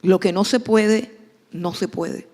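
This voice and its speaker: A woman's voice: medium pitch, takes it slowly, a little mellow, long reverb tail. A woman pastor, preaching a sermon emphatically and repeating key phrases for stress.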